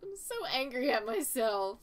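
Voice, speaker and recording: A woman's voice: fairly high pitch, sing-song, moderate pace. A woman streaming a game, talking to herself in casual commentary, pleading with the game and laughing at her own mistakes.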